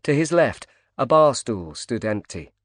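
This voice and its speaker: A man's voice: mid-range voice, big pitch swings, measured pace, no echo. Man reading a thriller audiobook. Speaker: audiobook narrator. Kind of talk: scripted narration.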